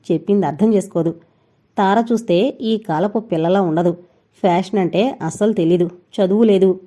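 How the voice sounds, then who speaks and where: Woman reading a novel aloud, real warm dark voice, steady. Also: mid-range voice. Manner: steady storytelling read. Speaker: audiobook narrator. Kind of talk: scripted narration of a novel.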